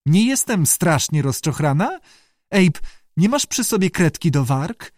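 A frightened, pampered young actress, put on by a man whimpers and pleads in a high, lively voice that swoops up and down. The reading is close and dry, with no room sound. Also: measured pace, dry recording. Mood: fussy.

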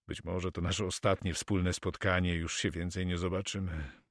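A man voicing a proud, brooding pirate captain in an audiobook, speaking slowly and solemnly. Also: low-pitched, flat delivery, dry recording, studio quality. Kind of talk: audiobook character reading.

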